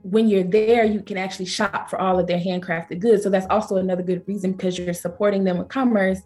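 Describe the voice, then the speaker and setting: A woman from Georgia with a Southern accent, a travel company founder answering interview questions in a lively, storytelling way. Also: quick pace, faint music behind. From Georgia, USA. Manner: animated, acts out quoted speech with pitch jumps.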